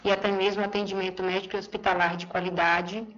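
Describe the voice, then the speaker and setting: A woman's voice: medium pitch, level tone, fast talker, a bit bright. A Brazilian woman, a local official, explaining in an interview clip. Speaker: municipal finance official. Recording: slightly dull interview clip.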